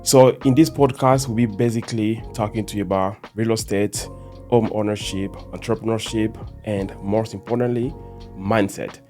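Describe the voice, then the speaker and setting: A man's voice: on the low side, fairly even intonation, moderate pace, dark tone, faint music behind. A man from DR Congo, a real estate agent, hosting a casual podcast chat with many fillers.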